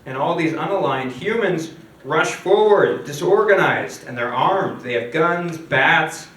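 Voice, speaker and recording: A man's voice: on the high side, animated, a little slow, a bit bright. Rambling man walking through his film script. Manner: loose, rambling, lots of fillers and asides. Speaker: screenwriter pitching his script. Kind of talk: casual spoken script walkthrough. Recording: echoey room, mic at a distance.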